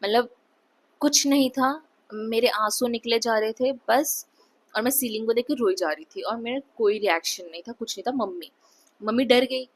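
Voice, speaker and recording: A woman's voice: fairly high pitch, normal speed, slightly rough. A young woman casually telling viewers a frightening personal story, mixing English words into her Hindi, with many fillers and restarts. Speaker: vlogger.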